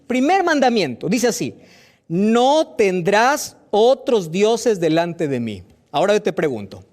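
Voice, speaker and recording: A male pastor preaching a sermon, emphatic and slow on stressed phrases, asking the listener rhetorical questions. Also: very high-pitched, darkish tone.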